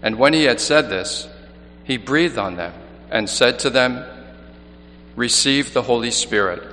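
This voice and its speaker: A missionary priest from New York City reads the Gospel in a large church, then delivers an earnest mission appeal homily, often restarting his sentences. His mid-range voice is unhurried, pushed and bright. The recording has long church reverb and a faint hum.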